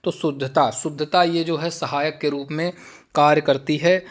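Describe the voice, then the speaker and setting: Male exam-prep tutor, fairly high voice, reads options slowly and explains plainly. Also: steady tone. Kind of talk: Hindi exam-prep lesson with slow Sanskrit reading.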